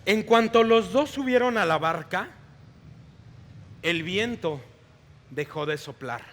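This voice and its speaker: A male pastor giving a sermon in a church hall, reading scripture in a slow, deliberate way. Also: sits high, animated, a bit bright. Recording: long reverb of a large hall.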